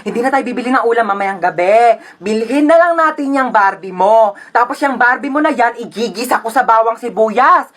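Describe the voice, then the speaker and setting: A woman's voice: fairly low pitch, steady tone, fast, husky, voice pushed down. A woman voicing a stern mother nagging her child in a comedy skit. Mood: mock threatening. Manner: scolding, nagging. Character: stern scolding mother, middle-aged woman.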